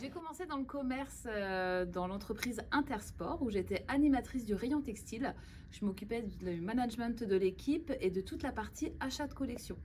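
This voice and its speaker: A woman in her forties, a regional manager, recounting her career in measured steps. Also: fairly high pitch, expressive, a little mellow, slight background noise. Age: 40s. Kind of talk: corporate job interview testimony.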